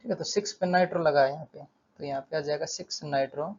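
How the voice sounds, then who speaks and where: A man's voice: on the high side, fast, muffled recording. A male chemistry tutor explaining a lesson at a board, steadily repeating terms and counting aloud.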